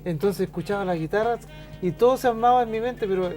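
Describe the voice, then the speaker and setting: A middle-aged man with a Chilean accent, a teacher chatting on a talk show, thoughtful and pausing often. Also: high-pitched, over music. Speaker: show host and school teacher. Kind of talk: casual conversation on a talk show.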